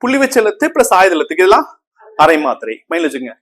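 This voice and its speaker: A man with a high, fairly bright voice, big pitch swings and a racing pace teaches a Tamil grammar class. He repeats key terms, counts on his fingers, and keeps asking the students whether they follow.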